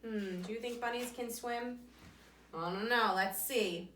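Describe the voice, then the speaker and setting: Bright teacher voice in a roomy space. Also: female voice, on the high side, measured pace, a little hiss or hum. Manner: warm, coaxing questions to children. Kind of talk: storytime lesson for young children. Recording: roomy echo, voice from the mic's distance.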